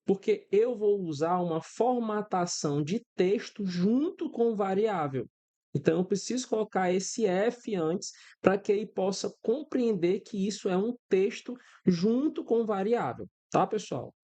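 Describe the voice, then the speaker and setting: Warm and high-pitched, his voice has lively intonation and a measured pace. He's a Brazilian programming instructor in his thirties, accented in Brazilian Portuguese, taking students through a screen-recorded coding lesson step by step with frequent check-ins and everyday examples.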